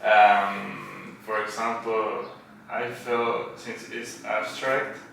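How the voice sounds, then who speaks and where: This podcast guest, a tattoo artist from Buenos Aires with an Argentine accent, speaks casual, hesitant English as a native Spanish speaker. His fairly low voice is gravelly and a bit bright, with a level tone and drawn-out words. Roomy echo, a distant mic and faint noise color the recording.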